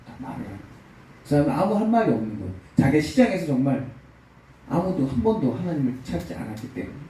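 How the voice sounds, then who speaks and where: A man's voice: on the high side, big pitch swings, quick pace, warm tone, very echoey, distant mic, a little hiss or hum, rough recording. A male pastor preaching a sermon, telling a story with acted-out quotes and building to emphatic peaks. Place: church sanctuary.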